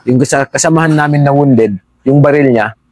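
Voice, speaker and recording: A man's voice: mid-range voice, normal speed, darkish tone, no echo. A middle-aged man, an interview guest and former rebel fighter, telling his story conversationally and politely calling the host sir. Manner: deferential, calls the host sir often.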